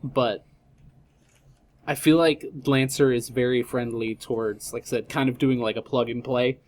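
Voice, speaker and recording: A man's voice: mid-range voice, fairly even intonation, moderate pace, darkish tone. A man chatting casually as a guest, explaining things in a laid-back, slangy, rambling way. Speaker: podcast guest, tabletop role-player. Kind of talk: casual chat.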